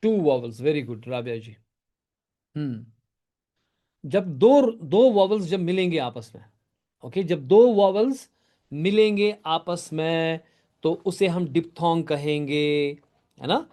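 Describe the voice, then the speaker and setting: A man's voice: on the high side, animated, slow pace, pauses often, mellow. A male teacher lecturing a live class, explaining step by step, often checking that students follow, and praising their answers. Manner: addresses students by name and answers their typed questions.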